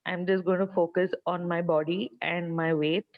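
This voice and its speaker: A woman's voice: on the low side, little pitch movement, normal speed. A woman on a group coaching call who talks openly and replies with brief agreements. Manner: open, agreeable, brief assents. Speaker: caller in a coaching session. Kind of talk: casual talk on a call. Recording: distant, dull lo-fi call audio.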